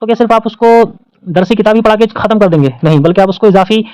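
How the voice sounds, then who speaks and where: A man with an Indian Urdu accent talks through exam questions like a patient tutor. He reads out each option again and then answers his own questions. His voice sits high and rings smooth and clear, recorded dry and close with no room sound. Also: a little mellow, dry recording, low-quality recording. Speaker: exam-prep teacher. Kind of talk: explaining test questions.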